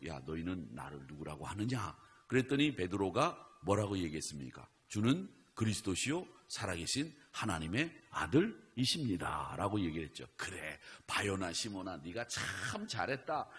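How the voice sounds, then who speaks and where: A man preaching a sermon as pastor, his husky, somewhat low voice rising and falling with lively emphasis. He acts out the quoted lines as he goes, and his voice carries a long reverb from the church hall. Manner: animated preaching with acted Bible quotes.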